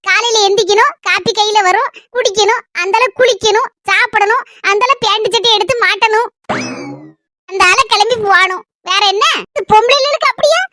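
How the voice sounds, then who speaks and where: A harried housewife, played by a woman, pours out long grumbling rants in a Kanyakumari Tamil accent. Her voice sits very high and bright, and she talks at a quick clip in a dry, close recording. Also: dry recording. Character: harried housewife and mother, complaining. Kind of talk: family comedy skit.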